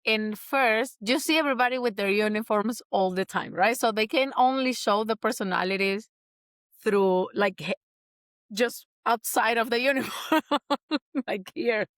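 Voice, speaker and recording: A woman's voice: a little high, normal speed, a bit bright, no echo, studio quality. A woman co-hosting a casual sports podcast, giggly and self-deprecating as a new fan. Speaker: podcast co-host. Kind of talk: casual chat.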